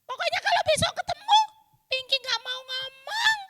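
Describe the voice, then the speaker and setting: A woman voicing a sulky little girl puppet with pink hair, whining and shouting stubbornly. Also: very high voice, animated, moderate pace, voice pushed up, full character voice. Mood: angry tantrum. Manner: stubborn, whiny, shouting in a tantrum.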